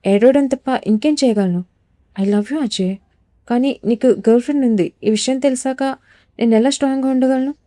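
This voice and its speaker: A woman's voice: high-pitched, a little fast, dark tone, dry recording, pitched above the performer's own voice, lightly acted. A woman voicing a heartbroken, defiant young wife in a storybook reading, tearful and reproachful.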